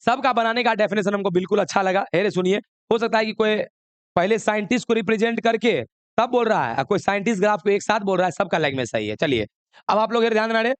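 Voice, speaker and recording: A man's voice: high-pitched, dry recording. A man teaching a chemistry class, coaxing and scolding students while mixing with English. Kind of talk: classroom lesson.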